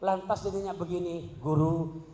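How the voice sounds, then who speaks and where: A man's voice: a little high, moderate pace. A male preacher, telling stories in a chatty, joking sermon and speaking straight to the audience at an evening gathering. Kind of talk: humorous storytelling sermon. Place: evening religious gathering in a hall. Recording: echoey hall with faint ambience.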